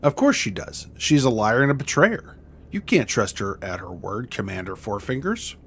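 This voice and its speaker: A man's voice: fairly low pitch, very animated, normal speed, fairly bright tone, slight background noise. A man voicing an aggrieved noble lord in a video game, solemn and courteous, with formal, courtly phrasing. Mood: bitter.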